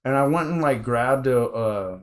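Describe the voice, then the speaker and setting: A man's voice: mid-range voice, animated, normal speed. A man in casual conversation telling a rambling story, swearing constantly and acting out his own quotes. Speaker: interview guest.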